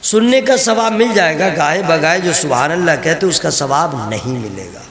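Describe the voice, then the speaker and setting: A man's voice: on the high side, lively intonation, moderate pace. Echoey preacher man over a crowd. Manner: humorous, theatrical, addresses crowd directly. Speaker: preacher at a religious gathering. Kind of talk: sermon.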